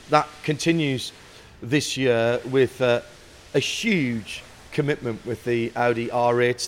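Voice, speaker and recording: A man asking questions as the interviewer in a motorsport interview. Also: medium pitch. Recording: background noise, ambient sound.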